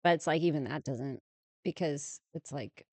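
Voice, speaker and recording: Female podcast co-host, a mother, lower voice, easy chatty delivery, dry close recording. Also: moderate pace, a little mellow, husky, no room sound. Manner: chatty, laughs often. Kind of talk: casual chat.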